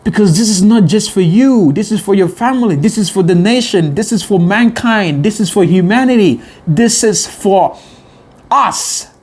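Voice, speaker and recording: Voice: medium pitch, lively intonation, normal speed, a little mellow, husky. An earnest motivational vlogger speaking straight to viewers in a mid-range voice. They stumble into repeated words and restart phrases while pressing their point about perseverance.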